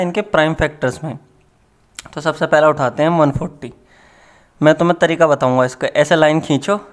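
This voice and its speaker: A young man teaching maths with a playful, chatty delivery that slips in teasing asides. His voice sits a little high for a man. He works through the problems in a relaxed classroom manner. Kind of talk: casual maths lesson.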